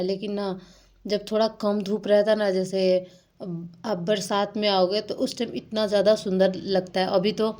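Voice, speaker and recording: A woman's voice: mid-range voice, a little mellow. A young adult woman narrating a casual vlog in a chatty, rambling way with lots of fillers. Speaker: vlogger.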